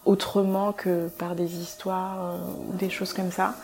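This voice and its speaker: A woman's voice: fairly low pitch, little pitch movement, a little slow, darkish tone, a little hiss or hum. Hesitant woman guest from France. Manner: hesitant, restarts often, many fillers. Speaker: founder of a skincare brand. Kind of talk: casual interview answers.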